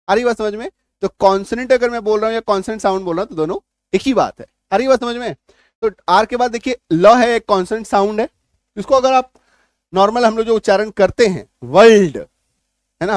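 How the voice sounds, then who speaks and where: Man, fairly high voice, dry close sound, patient teacher, checks understanding often. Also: dry recording. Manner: explains step by step, keeps checking the listener understands. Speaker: English teacher. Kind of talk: spoken lesson.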